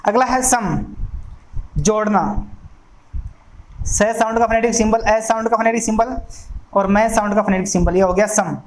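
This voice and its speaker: A woman teaching an exam-prep phonetics lesson, going through each sound slowly and deliberately. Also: mid-range voice, steady tone. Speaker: English teacher. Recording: echoey room with faint noise.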